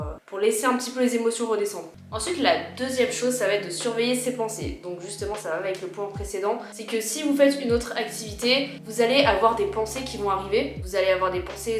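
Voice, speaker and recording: A woman with a slightly worn voice, explaining personal advice informally and chattily to her viewers. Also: medium pitch. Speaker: video creator giving personal advice. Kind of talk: casual advice vlog, chatty. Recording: roomy echo with music behind.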